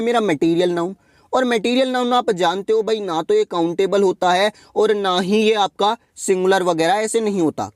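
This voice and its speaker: High-voiced man teaching grammar. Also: no room sound, studio quality. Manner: asks and answers his own questions, repeats key points; reads example sentences slowly and deliberately. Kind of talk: exam-prep grammar lesson.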